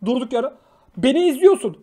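A man's voice: very high voice, very animated, fairly quick, dark tone. A young man hosting a casual livestream, reading viewer messages, swearing freely and flaring into angry rants before apologizing. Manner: slangy, jokey, affectionate with viewers. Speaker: livestream host.

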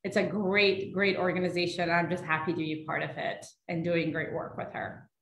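A woman's voice: on the low side, steady tone, normal speed, fairly bright tone, roomy sound, lo-fi sound. A young woman, a stay-at-home mom and volunteer, introducing herself in an upbeat, chatty way on a video call.

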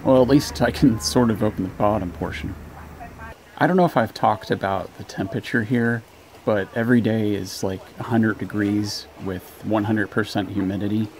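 A man's voice: lowish voice, steady tone, normal speed, darkish tone. A man in his thirties hosting a travel vlog, narrating with wry, joking asides while walking through a city and a train station. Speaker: travel vlogger. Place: busy city streets and a large train station. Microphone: handheld camera at arm's length. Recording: street and station noise behind.

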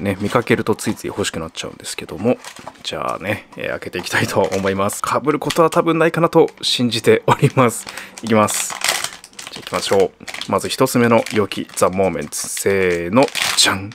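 A man chatting casually while unboxing toys, getting excited and breaking into laughs and exclamations. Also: lowish voice, background noise. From Japan.

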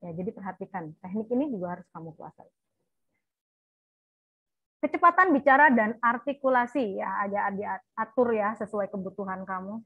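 A woman's voice: mid-range voice, fairly even intonation, a little fast, husky, dry recording. A middle-aged woman lecturer coaching students in a chatty way, full of little "ya" and "nah" fillers. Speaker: university lecturer. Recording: thin phone-like sound, dry.

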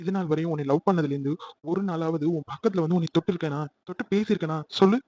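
A man voicing a hot-tempered young boyfriend in a cartoon, angry and shouting. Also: a little high, rapid-fire, dull audio, natural voice. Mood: furious.

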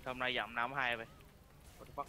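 A man's voice: medium pitch, flat delivery, a little fast, sharp tone. A man streaming a game live, chatting casually and calling out directions to his team. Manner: casual, calls out directions to teammates. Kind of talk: live gameplay commentary. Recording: game music under voice. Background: game music.

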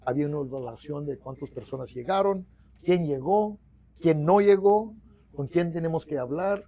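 This storytelling interview features a middle-aged Mexican-American union organizer from the United States, his fairly high voice at a moderate pace with the highs cut off. He recounts long stories in Spanish, slipping in English, with many restarts and lively hand gestures, on a lapel mic in a small office.

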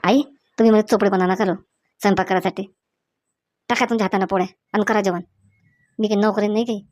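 A woman's voice: mid-range voice, steady tone, fast talker, a little mellow, lightly acted. A woman playing a sulky village daughter-in-law. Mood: defiant. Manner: sulky, talks back. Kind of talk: comedy sketch acting.

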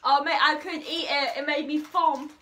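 Excitable high British woman eating gross jelly beans. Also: moderate pace. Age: young adult. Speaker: vlogger. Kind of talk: casual chat, taste challenge. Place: living room, indoors. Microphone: camera mic at a short distance.

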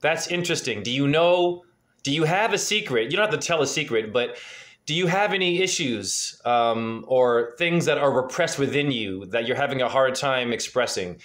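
Over a webcam on a video call, a man in his forties gives a freewheeling, earnest numerology reading from a dim room at home, asking probing questions as he goes. His mid-range voice is a bit bright, with lively intonation and a normal speed.

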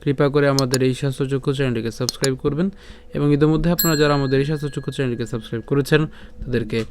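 A man with a Bengali accent teaching scripture pronunciation, breaking verses into syllables, asking rhetorical questions and chanting lines slowly. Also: medium pitch, fairly even intonation. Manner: patient, repeats syllables and asks rhetorical questions.

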